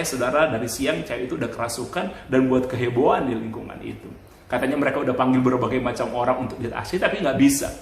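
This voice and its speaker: Animated preaching man in an echoey hall. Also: medium pitch, slight background noise. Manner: animated storytelling, constantly addressing listeners as brothers and sisters. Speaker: pastor. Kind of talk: sermon. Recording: echoey hall with faint ambience.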